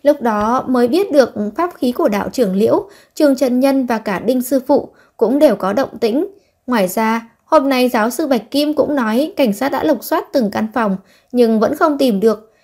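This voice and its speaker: Woman reading as a sad humble old guy in an audiobook, talks slow, soft mellow voice. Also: on the high side. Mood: earnest. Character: simple-hearted older man, grieving and humble.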